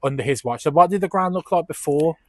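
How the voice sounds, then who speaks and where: Male interviewer, slightly high voice, matey and informal, dry sound. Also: quick pace, no room sound. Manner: matey, colloquial. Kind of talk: casual on-location interview chat.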